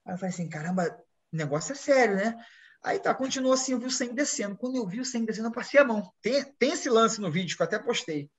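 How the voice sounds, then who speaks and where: A man from Brazil, a fighter, telling his stories in a casual interview and acting out what people said. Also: very high-pitched. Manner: fast, animated storytelling with acted-out quotes. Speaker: guest, MMA fighter.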